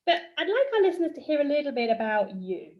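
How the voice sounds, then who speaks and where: Upbeat woman host from the UK, fairly high voice, warm casual interviewer. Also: fast talker, lo-fi sound. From United Kingdom. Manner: upbeat and excited. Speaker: podcast host.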